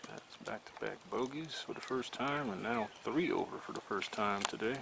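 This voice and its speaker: A man's voice: lowish voice, wildly swooping pitch, moderate pace, creaky. A man giving golf commentary as a golf commentator, following play hole by hole, recorded outdoors. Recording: noisy outdoor recording with ambient sound.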